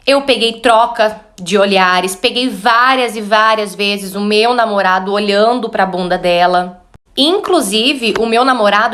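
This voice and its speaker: Read as a woman narrating a story calmly and evenly, in a slightly raised voice. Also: on the high side.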